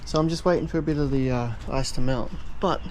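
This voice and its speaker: A man's voice: mid-range voice, fast, darkish tone. A man talking casually to camera as a vlogger. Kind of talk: casual vlog talk to camera. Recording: clear background noise.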